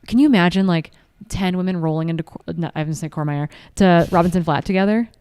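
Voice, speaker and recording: A woman co-hosting a casual chat show, talking quickly and with enthusiasm, often saying "like". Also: lowish voice, clean tone. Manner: quick, animated and enthusiastic, piling on "like". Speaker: podcast co-host and race commentator.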